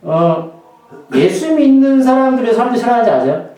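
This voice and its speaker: A man's voice: extremely high pitch, very animated, a little fast, dark tone, very echoey, distant mic, poor audio. A male pastor delivering a sermon in a conversational way, often throwing questions to the congregation.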